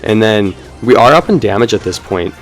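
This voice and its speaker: A young gaming YouTuber with a lowish voice gives casual live commentary over his own mobile card game match. He's chatty and upbeat with lively intonation and a moderate pace, dropping in frequent ums and "let's go ahead."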